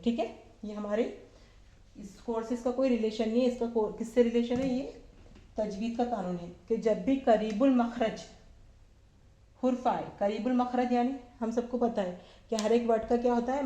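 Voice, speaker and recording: A woman teaching Arabic verb forms to a class of women, asking questions and answering them herself, repeating each form slowly. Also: a little high, warm tone, reverberant. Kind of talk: slow classroom lesson.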